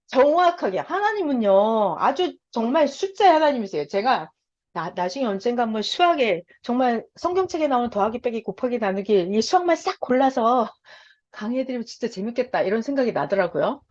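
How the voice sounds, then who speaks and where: Lively woman teaching a Bible story. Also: fairly high pitch, a little fast. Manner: lively, quizzes listeners, acts out voices in quotes. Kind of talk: Bible story lesson with acted quotes. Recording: dull lo-fi sound.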